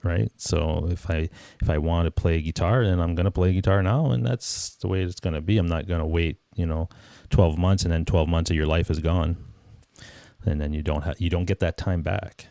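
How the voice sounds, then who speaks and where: Close to fifty, the host of this laid-back stream has a deep, steady, creaky yet mellow voice at an ordinary pace, recorded dry. His talk meanders thoughtfully, peppered with restarts and "you know."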